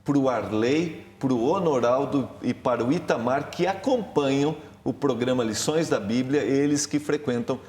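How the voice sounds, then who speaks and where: A man's voice: normal speed, hardly any pauses. A man, a pastor, hosting a Bible study program in a TV studio with emphatic, rising delivery. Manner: warm, emphatic host with lively pitch rises. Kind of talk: religious TV studio talk. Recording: roomy studio with long reverb.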